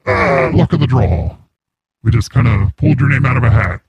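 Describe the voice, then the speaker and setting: A prank caller uses a voice changer to play a crude, self-important neighborhood boss, his distorted voice gravelly and raspy. He rambles in smarmy, mocking banter with a mid-range voice, lively intonation and normal speed, over a noisy background with the highs cut off.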